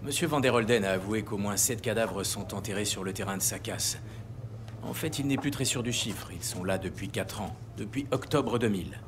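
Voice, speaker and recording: In a crime audio drama, an actor voices a composed, courteous justice official, speaking formally, articulately and with measured care. His natural male voice sits lowish, he sounds composed and satisfied, and the background is noisy.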